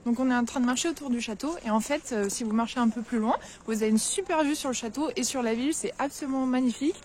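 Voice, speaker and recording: Talking fast in a slightly high voice over loud music, a young travel vlogger tours a snowy castle and Christmas market outdoors, tasting market food. She chats casually and directly to viewers with lots of fillers, and street noise sits behind the recording.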